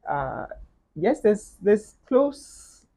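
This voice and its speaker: A middle-aged woman with a Kenyan accent, speaking as an interview guest in a measured, thoughtful way, with frequent fillers and repeated words. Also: mid-range voice, big pitch swings, warm tone, husky, rough recording. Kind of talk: reflective interview conversation.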